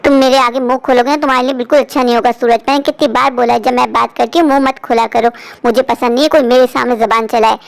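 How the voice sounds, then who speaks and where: A woman's voice: on the high side, steady tone, fast, gravelly. A woman voicing a harsh, domineering middle-aged mother-in-law in a cartoon story, who scolds and gives orders. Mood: scolding. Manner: scolding, nagging, commanding.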